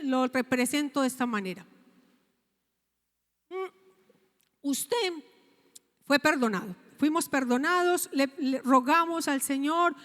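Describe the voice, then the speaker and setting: High-voiced woman pastor preaching in a hall. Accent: Colombian Spanish. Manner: preaching with rhetorical questions to the congregation. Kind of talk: sermon.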